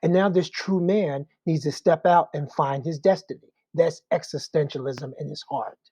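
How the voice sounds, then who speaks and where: Warm-voiced man teaching Bible class. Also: fairly high pitch, steady tone, normal speed, husky, no room sound. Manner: conversational, rhetorical questions. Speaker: Sunday school teacher.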